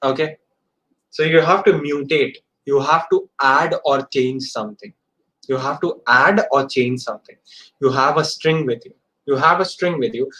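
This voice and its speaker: A man's voice: mid-range voice, normal speed, pushed and bright, poor audio. A man with an Indian accent teaching an informal live coding lesson, often repeating phrases and checking that students follow. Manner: repeats phrases, checks understanding with short tags.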